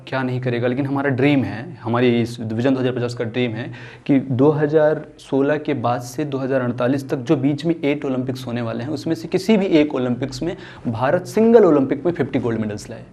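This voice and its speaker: A man's voice: medium pitch, brisk, darkish tone. A young man speaking for a foundation in an earnest social-cause talk, mixing English phrases into his speech and often restarting sentences.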